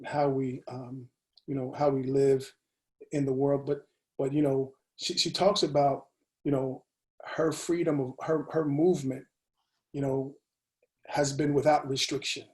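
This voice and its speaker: A man leading a book discussion over a video call, speaking deliberately with frequent pauses and fillers. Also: mid-range voice, flat delivery, darkish tone. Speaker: discussion leader.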